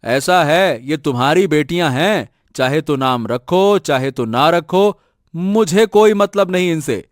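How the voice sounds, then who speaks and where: A man's voice: sits high, slow pace, no room sound, studio quality. A cold, scornful village father. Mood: contemptuous. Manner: harsh and dismissive. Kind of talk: Hindi cartoon story dubbing.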